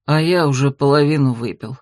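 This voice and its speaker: A woman voicing a grey-haired male werewolf, gentle and devoted, who speaks softly, low and slowly. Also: no echo, studio quality. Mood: gruff tender. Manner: soft, low and slow.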